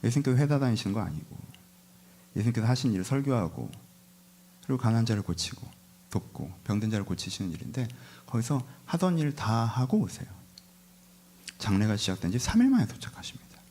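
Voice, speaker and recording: Male pastor, husky voice, animated delivery, chatty church sermon full of questions to the pews. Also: mid-range voice, fairly quick. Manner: conversational preaching, frequent rhetorical questions to the congregation; mixes polite speech with casual asides. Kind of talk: Easter Sunday sermon. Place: church service.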